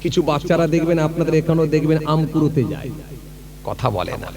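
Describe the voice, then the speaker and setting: A man's voice: on the high side, big pitch swings, fast. A man telling a folk story in a sermon at an outdoor gathering, often asking the crowd whether they follow. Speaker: preacher. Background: crowd noise.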